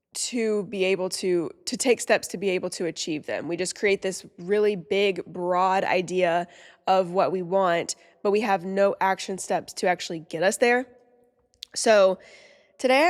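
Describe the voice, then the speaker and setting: Her mid-range voice echoes as though in a large hall. She's a podcast host in her twenties, congested and nasal with a slightly sore throat, keeping her own show upbeat and chatty with plenty of "like" fillers.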